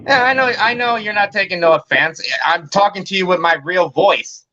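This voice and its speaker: A man from California's Bay Area, chatting casually, halting and repeating words, quick to laugh. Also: high voice, pushed and bright, lo-fi sound, slight background noise. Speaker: co-host. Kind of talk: casual chat.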